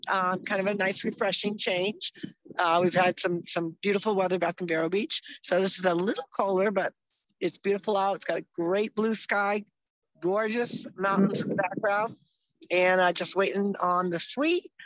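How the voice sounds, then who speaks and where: A woman's voice: mid-range voice, steady tone, moderate pace, no room sound, low-quality recording. Woman co-host, chatty and upbeat, casual chat, dry close sound. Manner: chatty, upbeat, loses her train of thought. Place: outdoors in the mountains.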